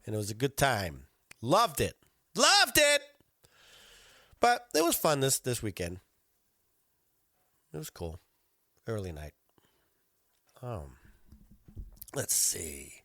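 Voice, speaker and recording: A middle-aged man hosting a solo podcast, telling stories with lots of swearing and big animated swings. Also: on the low side, takes it slowly, pauses often, no echo, studio quality. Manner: profane, animated storytelling with frequent swearing. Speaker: podcast host.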